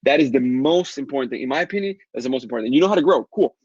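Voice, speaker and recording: A man with a Latin American Spanish accent rattles through a live webinar Q&A, upbeat and pushy like a sales pitch. His voice is a little husky, and he talks quickly. The audio is dry and a bit muffled. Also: animated, a little mellow, dry recording. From Caribbean. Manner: fast, upbeat sales pitch answering chat questions. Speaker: online course seller hosting a webinar.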